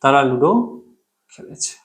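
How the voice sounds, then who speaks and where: A man teaching an English grammar lesson, speaking slowly and repeating example sentences word by word as if dictating.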